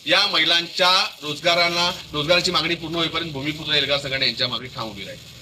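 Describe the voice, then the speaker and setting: A man speaking for his organization at a protest, making a forceful statement to the press outdoors. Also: a little high, noisy background. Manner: fast, forceful public speaking. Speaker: activist organizer.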